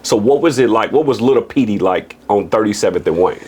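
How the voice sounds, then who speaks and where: A man's voice: fairly low pitch, expressive, fairly quick, darkish tone, breathy edge. A man of forty, from Kansas City, hosting a podcast interview in a casual, upbeat way and often checking in with "you know what I'm saying.". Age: 40s. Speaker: podcast host.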